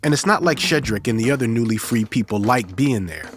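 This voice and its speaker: A man's voice: mid-range voice, expressive, a little fast, faint music behind. A man co-hosting a podcast, reading scripted narration about history.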